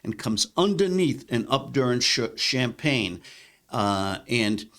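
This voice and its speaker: Male wine podcast host, mid-pitched, casual and rambling, full of ums and restarts, studio. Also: sing-song, slow, a bit bright. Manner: rambling, many fillers and restarts.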